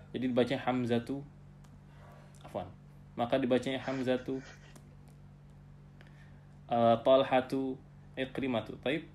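Patient male teacher leading an online lesson over a video call, middle-pitched voice. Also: a little mellow, a little hiss or hum. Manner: patient, drills terms, ends phrases with "ya". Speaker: Arabic teacher.

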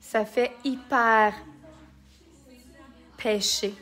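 A woman's voice: a little high, fairly even intonation, drawn-out words, a bit bright. A woman with a Québécois accent, chatting and joking while she demonstrates makeup in a casual live tutorial and reads out viewer comments. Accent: Québécois French. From Quebec.

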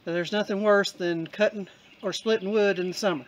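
A person filming and narrating homestead chores in a relaxed, step-by-step way. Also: mid-range voice, fairly quick, poor audio. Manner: easygoing, explains step by step with fillers. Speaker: camera operator and co-narrator. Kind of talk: casual vlog narration.

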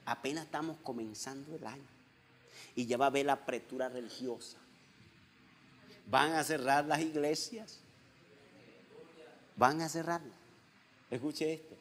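A man with a Venezuelan accent preaching a sermon, swinging between quiet asides and loud exhortation, with many rhetorical questions. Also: medium pitch, fairly even intonation, unhurried, long pauses. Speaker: visiting preacher.

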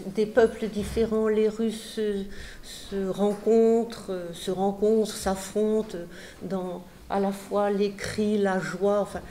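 A woman translator presenting a book to an audience, halting and repeating words with many fillers. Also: medium pitch, flat delivery, mellow, slight background noise. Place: book fair talk.

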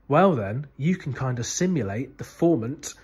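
His voice is medium in pitch, darkish and slightly rough, moving at a moderate pace with lively animation. He's a British man in his thirties hosting a museum video, enthusiastically and conversationally explaining things to camera in an indoor room full of synthesizers.

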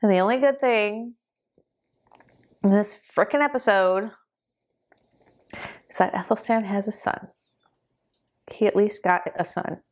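A tearful, upset woman hosts a casual reaction vlog, talking to her viewers through the camera. She speaks slowly and haltingly, trailing off mid-sentence and sighing between thoughts. Her pitch sits in the middle. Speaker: reaction video host.

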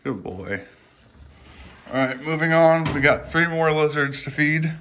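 A man's voice: level tone, normal speed, a bit bright, a little hiss or hum. Chatty man vlogging his reptile feeding. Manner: chatty, filler-heavy, coaxing pets in a high sing-song voice. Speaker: reptile keeper filming his pets. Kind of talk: casual vlog narration. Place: indoor pet room at home. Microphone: handheld phone camera.

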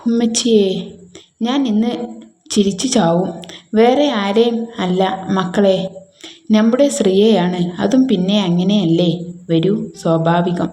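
A woman's voice: mid-range voice, unhurried, pauses often, warm tone. A woman telling a casual first-person story, chatting to her listeners and acting out every character's lines herself. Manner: chatty, addresses listeners as children, acts out all characters' dialogue. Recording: roomy echo with faint background music.

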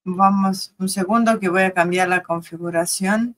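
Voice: mid-range voice, fairly even intonation, moderate pace, fairly bright tone, no echo. A host chatting casually with viewers about the stream, apologetic and talkative. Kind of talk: casual live-stream chat.

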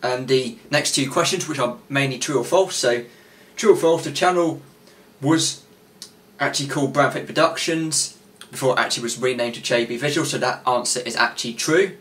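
Running a quiz from his small bedroom with a gaming desk, a twenty-one-year-old channel host talks casually to camera at a moderate pace. His medium-pitched voice is a bit bright and wearing out, and he rambles with many fillers and restarts.

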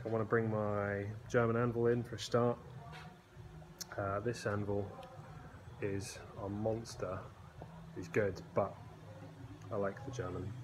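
Filming on a phone held out at arm's length, a blacksmith vlogger in his thirties gives a casual walkthrough of his indoor workshop with concrete walls. The pitch is fairly low; he rambles in a relaxed way, restarting often and using many fillers, and the workshop audio is noisy.

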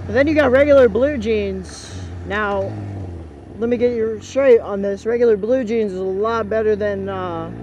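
A man's voice: sits high, moderate pace. A young man from Texas vlogging casually from inside a motorcycle helmet, rambling and repeating himself, his voice muffled. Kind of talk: casual opinion vlog while riding. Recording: muffled helmet mic, loud engine and wind noise.

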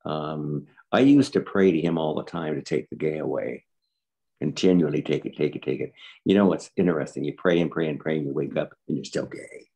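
Guest, man in his 70s, extremely low, husky voice, earnest and reflective. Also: animated, fairly quick, hardly any pauses, warm tone. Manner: earnest, reflective, repeats words for emphasis. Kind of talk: personal interview.

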